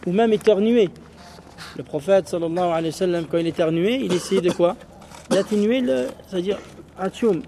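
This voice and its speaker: A man's voice: high voice, a little fast, dark tone, slight background noise. A man teaching an Arabic class, explaining in French with Arabic phrases mixed in and often checking with "tu vois?".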